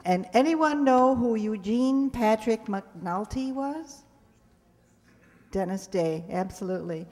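An older woman presents a community radio-play show, chatting from the stage and questioning the audience. She has a medium-pitched, darkish voice. Recorded close on a stand mic, the community hall gives an echoing sound.

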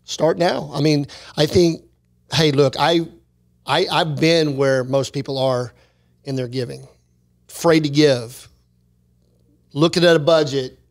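A man in his forties co-hosting a church podcast, talking in an earnest, encouraging way on a close boom mic in a small studio. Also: steady tone, measured pace, dry recording. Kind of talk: casual chat. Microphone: boom mic close to mouth.

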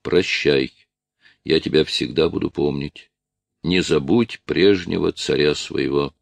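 A man voicing a deposed old tsar who speaks quietly and slowly. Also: very deep voice, gravelly, no room sound, heavily acted. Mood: hushed. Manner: quiet, hushed, slow. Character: deposed old Russian tsar, male, calm.

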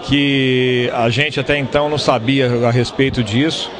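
A man's voice: medium pitch, fairly even intonation, moderate pace, crowd noise. A man, a farmer, giving a hesitant, plain-spoken interview answer into a handheld mic. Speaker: rural producer. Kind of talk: on-camera interview.

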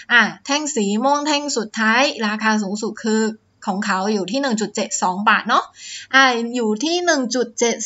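On the high side, this woman's voice sounds bright and forceful, though the audio is lo-fi. She's screen-sharing a stock chart and walking through how to read it one step at a time, sprinkling in lots of "อ่า" fillers and polite "นะคะ" tags.

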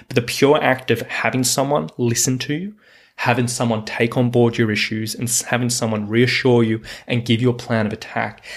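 Man, podcast host, coaching talk, earnest, reassuring, mid-pitched voice. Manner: earnest, reassuring, repeats words for emphasis.

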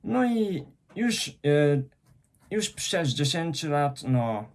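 Slow, careful Japanese-accented man. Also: fairly high pitch, sing-song, vocal fry. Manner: halting and careful, with frequent restarts on hard words. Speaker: vlogger. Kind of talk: casual explanatory vlog.

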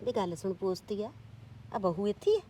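A woman's voice: mid-range voice, sing-song, moderate pace, a little hiss or hum, lightly acted. A woman playing a scheming middle-aged village aunt who nags, coaxes and stirs up trouble. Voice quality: loud, nagging, coaxing. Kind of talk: village drama acting.

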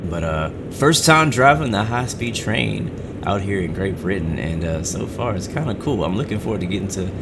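A gaming channel host rambles casually through gameplay commentary, animated and at a moderate pace, with plenty of fillers and restarts. Game audio rumbles in the background.

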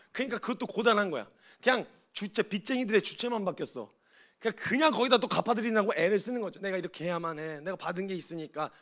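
A man preaching a sermon as a missionary, animated and acting out little dialogues as he goes. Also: high-pitched. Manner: animated, acts out voices in dialogue.

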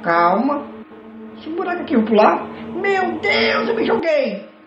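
Excitable gamer man. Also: very high-pitched, measured pace, reverberant, dull audio, crowd noise. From Brazil. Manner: excitable, exclamatory, talks himself through the game. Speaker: gaming channel host. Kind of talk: horror game let's play commentary.

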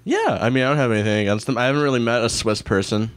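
A man's voice: mid-range voice, racing, no echo. A shy man guest-hosting a casual chat, self-deprecating about being nervous. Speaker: guest co-host.

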